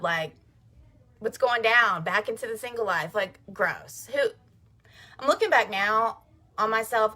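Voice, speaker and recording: A woman's voice: medium pitch, bright, forceful tone. A woman vlogger telling her viewers a personal faith story, chatty and emphatic, speaking straight to them. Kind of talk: casual faith testimony storytelling.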